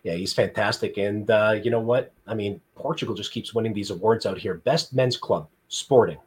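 A man hosting a casual sports podcast, talking in an animated, enthusiastic way. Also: on the low side, normal speed, husky. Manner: animated, enthusiastic, uses filler phrases. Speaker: podcast host.

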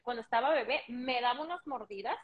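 A woman's voice: on the high side, fast talker, highs cut off. A woman, co-hosting a casual chat and giving firm, earnest opinions on parenting. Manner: earnest, opinionated, explains firmly. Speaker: podcast co-host. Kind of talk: casual chat about motherhood.

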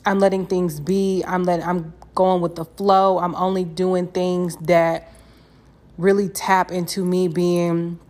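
A woman's voice: on the low side, little pitch movement, unhurried, a little mellow. A young woman chatting casually as a solo podcast host, candid and slangy, swearing freely and repeating phrases for emphasis. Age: young adult.

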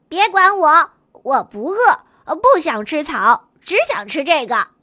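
A woman's voice: high voice, big pitch swings, slow, sharp tone, exaggerated voice. A woman voicing stubborn little calves who answer in a willful, bratty way in a storybook.

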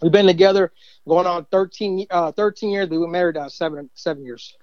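A man's voice: high voice, fairly even intonation, a little fast, darkish tone, no room sound, muffled recording. A middle-aged man, a church usher and youth minister, telling his story in a rambling casual way full of fillers. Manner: rambling, many fillers and "you know what I mean". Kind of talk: casual testimony interview.

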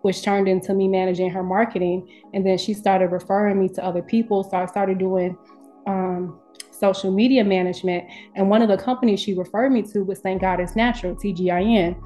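A woman's voice: medium pitch, fairly even intonation, a little fast, warm tone, soft background music. A woman speaking as a podcast guest, a brand strategist explaining her work in casual, informal conversation.

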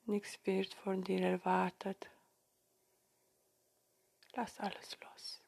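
A woman leads a guided meditation in a hushed, half-whispered spa voice. Her tone is husky and breathy, with very little melodic movement. She gives soothing instructions slowly, leaving generous pauses between phrases. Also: medium pitch, completely flat delivery.

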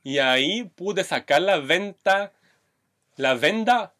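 A man's voice: high-pitched, takes it slowly. Rambling Chilean man telling crude stories. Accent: Chilean Spanish. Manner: vulgar, rambling, animated storytelling. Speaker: podcast co-host. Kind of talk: crude comic storytelling.

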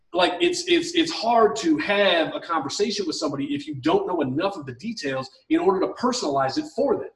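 Fired-up, profane male advice host, high voice. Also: fairly bright tone. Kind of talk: live advice chat. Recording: roomy echo, a bit far from mic.

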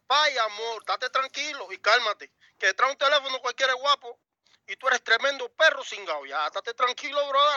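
Very high sharp-voiced guy picking a fight, fake-sweet names, dry muffled audio. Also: no echo. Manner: confrontational, mock-affectionate, lowers his voice. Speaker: caller in a live audio room. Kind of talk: heated confrontation.

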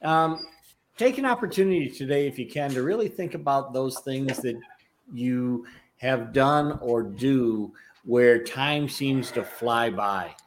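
Calm, reflective man with faint background noise. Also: mid-range voice, a little slow. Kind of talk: motivational talk.

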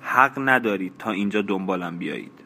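A man's voice: deep voice, animated, creaky, pushed and bright, a little hiss or hum, heavily acted. A man reading a weary, detached stranger. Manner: curt, detached. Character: weary, withdrawn man who never eats.

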